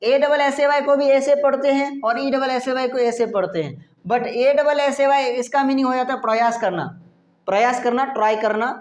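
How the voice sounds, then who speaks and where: A woman's voice: high-pitched, steady tone, normal speed. A woman teaching a spoken English lesson, spelling words out letter by letter and asking her listeners rhetorical questions. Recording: echoey room.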